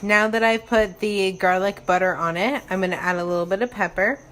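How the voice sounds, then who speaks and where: In a casual home vlog, a home cook walks through a recipe step by step in a mid-range, fairly bright voice, speaking a little fast with fairly even intonation. Frying sizzle fills her home kitchen, making the recording noisy.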